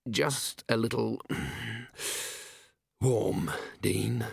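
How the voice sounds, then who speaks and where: A man's voice: mid-range voice, slow, gravelly, no room sound, clean studio sound. A man voicing a flustered, awkward male wizard.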